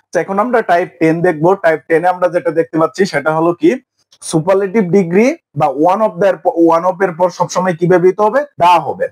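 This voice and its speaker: A man's voice: high voice, fairly even intonation, fairly quick, darkish tone. A young man teaches an English grammar lesson online, asking questions and answering them himself.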